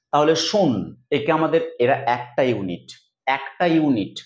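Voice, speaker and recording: A male Bengali grammar teacher explains rules step by step in a classroom lesson, going back over the key points. His voice is medium-pitched and a little mellow, and the room sounds echoey.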